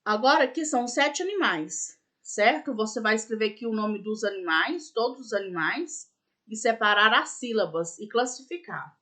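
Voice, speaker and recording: A woman's voice: a little high, lively intonation, normal speed, sharp tone. A woman teaching a recorded remote class for young pupils, patiently walking through the tasks and spelling words out letter by letter. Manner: checks in with "né?" and "tá bom?". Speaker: primary school teacher.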